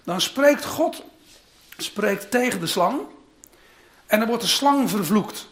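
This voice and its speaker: A preacher delivers a sermon with dramatic storytelling. The voice swings through a lively range of pitch and keeps breaking into casual asides to the listeners. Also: slow.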